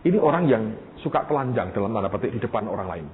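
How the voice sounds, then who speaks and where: A man's voice: lowish voice, quick pace. A male pastor preaching a storytelling sermon and acting out the people he quotes. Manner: lively, animated storytelling, acting out quoted voices. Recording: tinny phone-like sound with faint noise.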